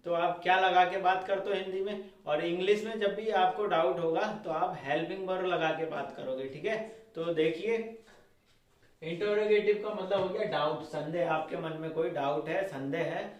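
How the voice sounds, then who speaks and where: A male teacher with a high voice walks students through a grammar lesson. He poses a question, answers it himself, and checks in after nearly every line. The voice sits far from the mic in a very echoey room. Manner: repeats questions to students and answers them himself, ending lines with "theek hai". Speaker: English teacher.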